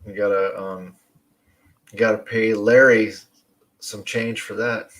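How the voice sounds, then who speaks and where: A man's voice: fairly low pitch, flat delivery, a little slow, fairly bright tone, low-quality recording. A man in his forties co-hosting a casual podcast, laid-back with blunt quips. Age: 40s. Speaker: podcast co-host. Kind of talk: casual chat.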